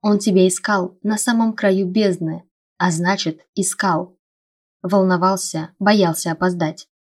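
A woman reading the part of the heroine's bossy, brisk young twin sister, who gives orders and grumbles. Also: on the low side, fairly even intonation. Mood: persuasive. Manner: commanding and grumbling.

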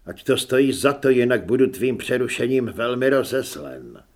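A man's voice: medium pitch, lively intonation, darkish tone, natural voice. A male audiobook narrator voicing a ruthless, cold conquistador lord who gives short, curt orders. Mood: commanding. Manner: curt, commanding. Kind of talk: audiobook character reading.

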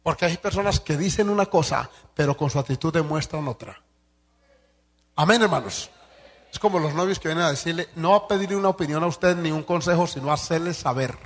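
A man preaches to fellow pastors in a slightly high, breathy, husky voice, heard with long reverb from a large hall. He reads out each point deliberately, then drives it home with emphasis and acts out the words of the people in his stories. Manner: reads each point slowly, then explains it emphatically and addresses listeners directly; acts out quoted dialogue from counseling cases. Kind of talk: sermon teaching fellow pastors.

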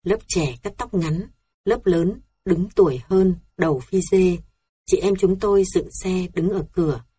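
A woman narrating a memoir in a steady, reflective manner. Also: on the low side, unhurried, slightly rough.

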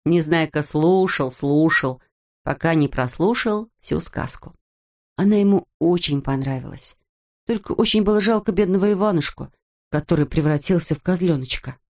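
A woman with a fairly low voice reads a children's story aloud. Her narration is expressive and measured.

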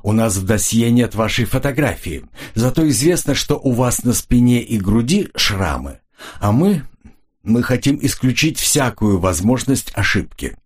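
A man doing a smooth English negotiator. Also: medium pitch, sing-song, unhurried, voice pushed up. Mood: polite.

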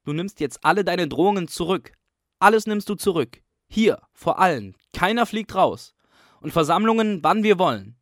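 A man reading a story, voicing a defiant young male student who shouts hoarsely and jeers. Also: high-pitched, lively intonation, normal speed, dry recording, studio quality, pitched above the performer's own voice. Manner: jeering, bossy shouting.

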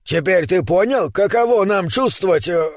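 A man voicing a grumpy, touchy male gnome miner with an indignant, shouty way of talking in a storybook reading. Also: high-pitched, lively intonation, normal speed, no room sound, studio quality, voice pushed up.

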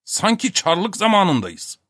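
A man doing a shrill, brash dog-turned-man. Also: wildly swooping pitch, fairly bright tone, dry recording, studio quality, exaggerated voice. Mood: grumbling. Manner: whiny, insolent, quick to argue. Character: brash coarse young man, once a dog.

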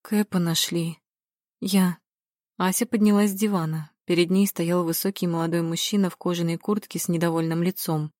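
Lady reading an audiobook, calm, lowish voice, dry close mic. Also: fast, hardly any pauses, no room sound. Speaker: audiobook narrator. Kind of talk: scripted narration.

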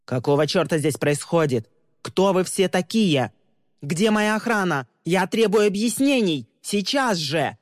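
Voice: medium pitch, normal speed, darkish tone, close to an everyday voice. An enraged wealthy homeowner barks demands and threats in an indignant roar, as an audiobook reader puts him on. His lines land close and dry, with a long reverb tail behind them. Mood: outraged. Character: brash wealthy middle-aged man, furious.

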